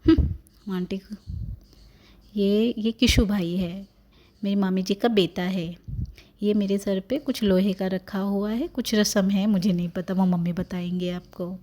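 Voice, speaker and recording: A woman's voice: medium pitch, steady tone, unhurried, mellow, lightly acted. A woman voicing a cheeky newborn baby girl. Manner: playful teasing commentary. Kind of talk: voice-over narration of a family vlog.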